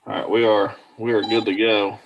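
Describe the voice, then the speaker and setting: A man's voice: on the low side, level tone, a little fast, muffled recording, slight background noise. A man reading out a formal staff report at a public meeting in a plain, procedural way.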